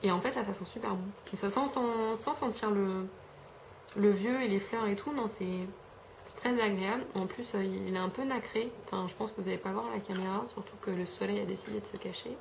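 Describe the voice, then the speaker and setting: A young French woman chats her way through a beauty haul, full of fillers and self-corrections. Her voice has a gravelly, fry-laden texture. She is filmed at home on a camera mic, with a faint hiss in the background. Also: mid-range voice, brisk. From France. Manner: chatty, rambling, with frequent fillers and self-corrections. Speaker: beauty vlogger. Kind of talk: casual haul review chat.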